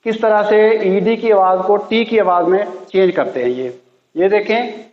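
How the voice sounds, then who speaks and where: A man teaching English pronunciation, speaking slowly and repeating each word several times. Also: high voice. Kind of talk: slow classroom pronunciation lesson. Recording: echoey, dull lo-fi room sound.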